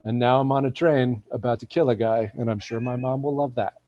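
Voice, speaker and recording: A man's voice: medium pitch, steady tone, brisk, no echo, lo-fi sound. A man, an actor, chatting casually over a video call, telling stories with animation.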